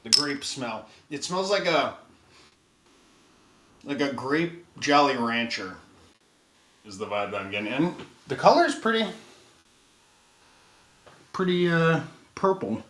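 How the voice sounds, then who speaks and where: A man streaming a casual taste test, chatting in a relaxed way and thinking aloud with frequent fillers. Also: medium pitch, slow pace, long pauses. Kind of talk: casual live-stream chat. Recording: roomy with faint background noise.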